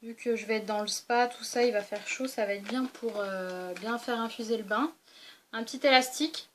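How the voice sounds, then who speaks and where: In a casual show-and-tell vlog, a young woman walks through the toiletries she packs for weekend trips, chatty and full of fillers and restarts. She's a beauty vlogger with a voice on the high side, speaking at normal speed over slight background noise.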